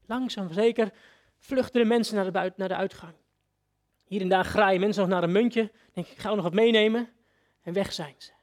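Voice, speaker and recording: A man's voice: high-pitched, fairly quick, darkish tone. A man preacher giving a sermon, telling a story vividly and addressing his listeners directly.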